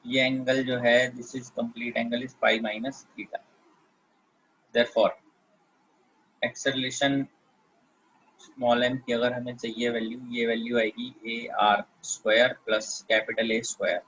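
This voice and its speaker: A man's voice: mid-range voice, little pitch movement, slow pace, pauses often, fairly bright tone, breathy edge, dull audio. A man teaching physics in a classroom lecture, explaining step by step and often checking that students follow.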